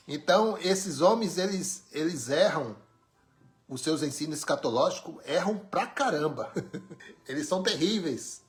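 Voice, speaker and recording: Born in Pernambuco and raised in São Paulo, a Brazilian man preaches an informal sermon full of emphatic, wry rhetorical questions. His slightly high voice is expressive and unhurried, with long pauses.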